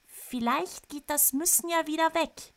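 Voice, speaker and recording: Woman voicing a little boy, high and squeaky, eager but jumpy. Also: a little slow. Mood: hopeful. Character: small boy, eager and easily scared.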